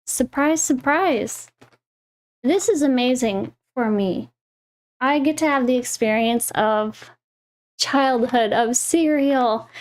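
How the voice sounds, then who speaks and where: A young woman speaks on a casual livestream in a high, light voice. She talks at an unhurried pace, wandering through her thoughts and restarting phrases. She is openly enthusiastic about the foods she holds up. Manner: slow, meandering, restarts mid-phrase. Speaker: lifestyle host.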